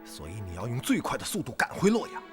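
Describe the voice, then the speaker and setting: An actor playing a bold young male officer who interrogates a captive and gives steady commands in a period TV drama. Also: medium pitch, quick pace. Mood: steady, commanding. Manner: menacing when interrogating, steady and commanding otherwise. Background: music score.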